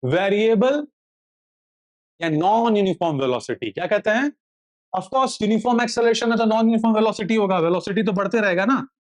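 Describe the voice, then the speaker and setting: A man's voice: high-pitched, normal speed. A man teaching a physics lesson, asking questions aloud and answering them himself, slipping English phrases into his explanation. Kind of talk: classroom lecture.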